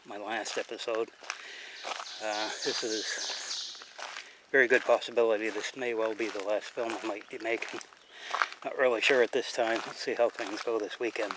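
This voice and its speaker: A man with an American accent, vlogging outdoors in the woods in a halting, casual way, out of breath after a long bike ride. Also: on the low side, background noise. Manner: halting, with many fillers. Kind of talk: casual outdoor vlog talk.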